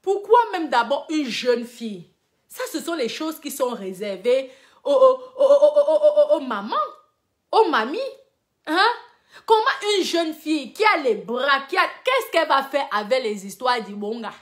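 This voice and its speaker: A woman's voice: high voice, very animated, normal speed, a bit bright. A middle-aged woman giving casual, emphatic commentary to her online viewers, lecturing and repeating words for stress.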